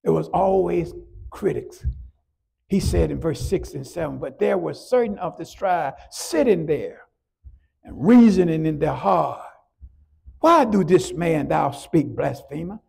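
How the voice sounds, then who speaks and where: A male pastor preaching a sermon, swinging between shouted peaks and quiet asides, often repeating "praise God". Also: on the high side, expressive, measured pace, creaky, slightly rough.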